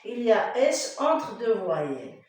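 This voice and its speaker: A woman's voice: a little high, sing-song, takes it slowly, a little mellow. A woman teaching a child in class, patiently correcting spelling and sounding out syllables. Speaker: primary school teacher. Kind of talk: dictation lesson with a child. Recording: echoey classroom, mic far off, faint noise.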